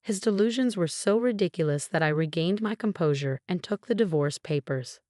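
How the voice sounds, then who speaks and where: A woman narrating a first-person story in a calm, even, scripted way. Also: lowish voice, normal speed, dry recording, studio quality.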